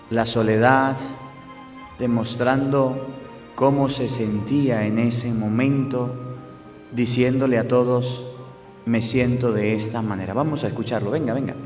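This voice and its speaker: A man's voice: medium pitch, darkish tone. A priest giving a sermon, asking his listeners questions and answering them himself. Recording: music and long hall reverb.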